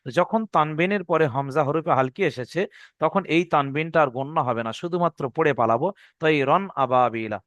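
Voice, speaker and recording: A male teacher with a slightly high voice, patiently walking through a reading lesson and repeating the rules. He draws out letter names in a sing-song way. The sound is close and dry, with no room echo. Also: fast, a bit bright. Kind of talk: classroom lesson recitation.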